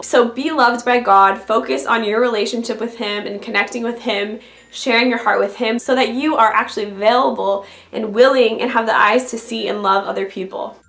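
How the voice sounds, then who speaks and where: A woman with a voice raspy from being sick, talking directly and conversationally as a video blogger giving encouraging faith advice. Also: on the high side, fairly bright tone. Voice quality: raspy from illness. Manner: direct, conversational address to the listener. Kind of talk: scripted-feeling encouraging faith vlog talk to camera. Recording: roomy, echoey sound.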